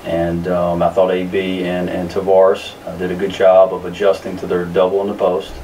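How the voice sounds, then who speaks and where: A man in his thirties, a basketball coach answering press conference questions in a measured way, with many fillers and restarts. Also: sits low, completely flat delivery, far from the mic, background noise. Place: press room in front of a sponsor backdrop.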